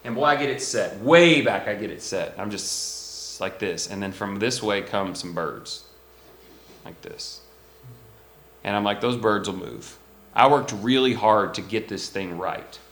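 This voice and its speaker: A man preaching a casual sermon with lots of fillers, swinging between loud emphatic lines and quiet asides. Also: lowish voice, normal speed, hardly any pauses. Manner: casual, anecdotal, many fillers and restarts. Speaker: pastor. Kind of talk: conversational sermon. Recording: roomy echo with faint ambience.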